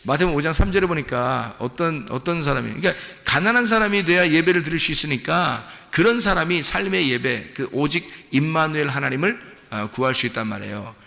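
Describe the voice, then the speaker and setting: A man's voice: fairly high pitch, lively intonation, fairly quick, gravelly, few pauses, bright, forceful tone, big-room sound. A man preaching a sermon as pastor in a conversational way, acting out little dialogues with God. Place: church sanctuary.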